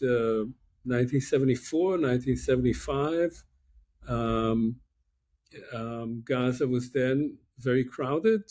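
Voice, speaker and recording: Speaking from home on a laptop video call, this visiting professor from Israel, aged in his sixties, gives thoughtful, deliberate interview responses with frequent pauses. His pitch is medium and his tone a little mellow.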